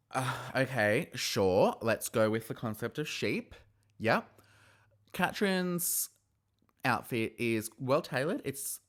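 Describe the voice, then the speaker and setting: A man hosting a podcast on his own, giving an opinionated, ranting review that gets heated and breaks into mocking high-voiced impressions. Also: a bit bright. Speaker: podcast host reviewing a reality show. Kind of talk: casual solo review.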